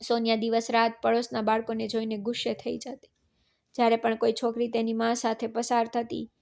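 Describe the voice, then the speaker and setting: A woman narrating a scripted family story in a flat, even reading. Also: fairly high pitch, vocal fry.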